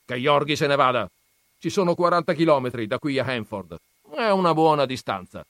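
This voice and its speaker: A man voicing a gruff, domineering old grandfather in a read-aloud story, loud and declaiming. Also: mid-range voice, animated, a little fast, no echo, studio quality, pitched above the performer's own voice, natural voice. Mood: blustering.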